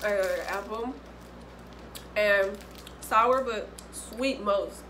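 A woman's voice: medium pitch, very slow. A young woman vlogger chatting casually with viewers while chewing gum, her slangy speech muffled around the gum. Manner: relaxed slangy talk to viewers. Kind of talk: casual chat. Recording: distant mic with noisy background.

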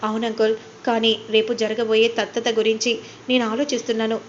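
A woman's voice: on the high side, level tone, fairly quick, dull audio, slight background noise, close to an everyday voice. A woman voicing a clever young wife who speaks politely but coolly mocks her rival. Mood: determined. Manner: polite on the surface, coolly mocking.

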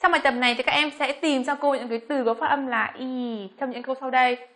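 A Vietnamese woman teaching English pronunciation, speaking slowly on her model words between quicker explanations. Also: high-pitched, fairly even intonation, fairly bright tone. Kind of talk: pronunciation lesson.

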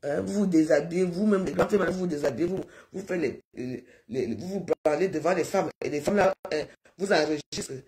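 A woman's voice: on the low side, brisk, hardly any pauses, darkish tone. A middle-aged woman from Cameroon, talking in a rambling, pleading live-stream monologue that repeats itself.

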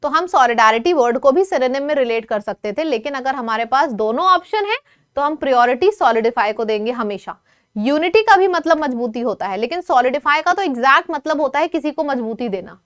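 A woman teaching an online vocabulary lesson in a lively, coaxing way, often asking her students questions. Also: high-pitched, brisk, clear, resonant tone.

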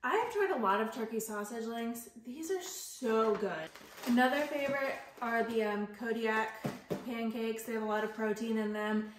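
A woman's voice: on the high side, moderate pace. A woman in her thirties chatting casually in a grocery haul vlog from her home kitchen, upbeat and full of filler words. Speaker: mom vlogger. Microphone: camera on counter, mid framing. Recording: echoey kitchen with faint noise.

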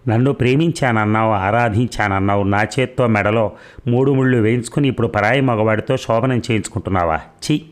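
Storybook reading: a man voicing a wounded young husband, accusing and emotional, low-pitched. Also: brisk, lightly acted. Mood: angry, accusing. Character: angry betrayed young husband.

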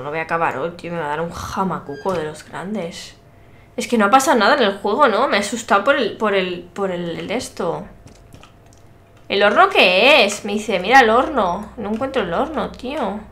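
A woman's voice: medium pitch, fairly bright tone. A young woman from Spain streaming a horror game live, chatting to her viewers and startling easily into shrieks. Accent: Spain Spanish.

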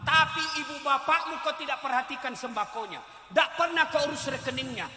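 A middle-aged man preaching a lively, joking sermon, acting out wives and husbands in put-on voices. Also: very high voice, brisk. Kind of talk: sermon at a large public gathering. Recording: echoey hall with long reverb.

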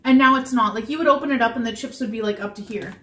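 A woman's voice: fairly high pitch, very fast, fairly bright tone. An American woman in her thirties chatting casually as she co-hosts a snack review. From Chicago, US. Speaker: food review co-host. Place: indoors, small room on a sofa. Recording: roomy echo, clear background noise.

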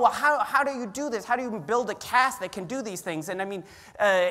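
A young man giving an energetic, conversational keynote talk on stage. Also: high-pitched. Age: young adult. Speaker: keynote speaker. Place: large auditorium stage. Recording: reverberant hall.

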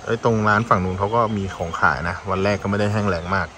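Strolling beside a mountain river, a travel vlogger offers casual, chatty commentary, thinking aloud as he walks and samples food. He talks fast in a fairly low, steady voice, with loud outdoor noise in the background.

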